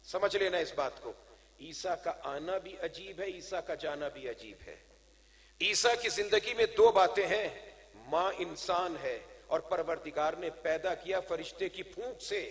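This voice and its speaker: A man with a high voice delivers a fervent religious sermon, his words rolling out over a long, echoing hall through a public address mic. He lurches between ringing proclamations and low, intense asides, hammering points home with repeated phrases aimed straight at the listeners. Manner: dramatic swings from loud proclamation to hushed emphasis; repeats phrases rhetorically, addressing the crowd directly. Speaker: Islamic preacher. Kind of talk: impassioned sermon. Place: religious conference gathering. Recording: long reverberant hall sound.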